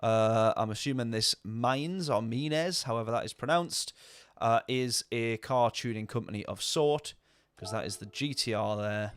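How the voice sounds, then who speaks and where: A man's voice: fairly low pitch, moderate pace, clear, resonant tone, no room sound, studio quality. Chatty man streaming a racing game. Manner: rambling, chatty, answers viewer chat. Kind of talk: casual gameplay commentary.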